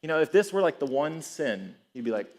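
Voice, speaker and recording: A young adult man preaching a sermon in a casual, animated way, chuckling as he tells stories. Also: on the high side, fairly quick.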